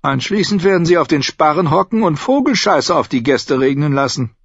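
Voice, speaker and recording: Male narrator as a wry, anxious lord, raised husky voice, dull dry audio. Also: fairly high pitch, expressive, unhurried, dry recording, voice pushed up. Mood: urgent. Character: short nobleman, sardonic, worried, commanding. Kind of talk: audiobook character voice.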